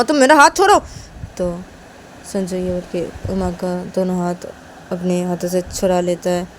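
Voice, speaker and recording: A woman's voice: mellow, a little hiss or hum. Woman narrating a love story casually, plain tone, one line after another. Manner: plain and low-key, sentences chained with "then".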